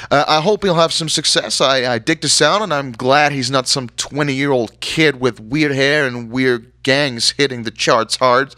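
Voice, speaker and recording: A man's voice: mid-range voice, sharp tone, no echo, studio quality. An actor playing a rambling, sarcastic radio DJ who stumbles over his words as he banters. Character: rambling, irreverent male radio DJ.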